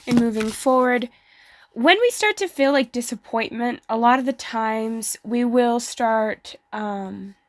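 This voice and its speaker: A woman who is sick, as with flu, giving a casual tarot reading to online viewers in a hesitant, pausing way. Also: on the high side, dry recording. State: sick, as with flu, voice may give out. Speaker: tarot card reader.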